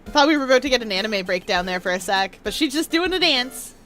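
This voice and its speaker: A woman's voice: fairly high pitch, lively intonation, fast talker, a bit bright. A woman giving casual, playful commentary as she plays through a game, with chatty asides. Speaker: gaming streamer. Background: music.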